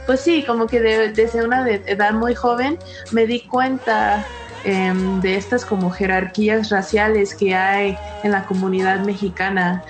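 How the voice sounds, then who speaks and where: A woman's voice: mid-range voice, steady tone, unhurried. A young woman from California, a documentary filmmaker, giving a thoughtful personal testimony in an interview. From California, United States.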